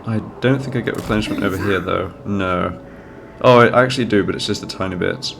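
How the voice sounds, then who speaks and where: Against background noise, a gaming channel host with a cold gives casual strategy game commentary a little fast, in a low-ish voice with vocal fry and a slight nasal quality. He thinks out loud and explains every move he makes.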